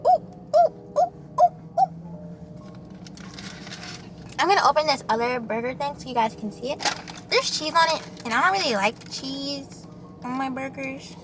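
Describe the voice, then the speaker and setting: A woman's voice: high-pitched, brisk, music in the background. A young woman chatting casually with the camera while eating, chatty and loose, full of fillers. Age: young adult. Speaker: vlogger. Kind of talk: casual mukbang chat.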